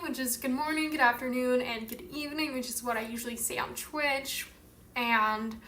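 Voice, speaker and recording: A woman's voice: a little high, pushed and bright, reverberant. A young woman from Northern California, chatting to camera for her vlog in an outgoing, earnest way. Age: young adult. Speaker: vlogger. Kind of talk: casual talk to camera.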